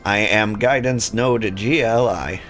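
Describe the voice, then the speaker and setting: A man doing a slow robot voice for a guidance machine. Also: lowish voice, fairly bright tone, faint music behind. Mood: mechanical. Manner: slow, clipped robot voice reading system prompts. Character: polite guidance robot node, mechanical and formal. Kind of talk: video game read-along with voices.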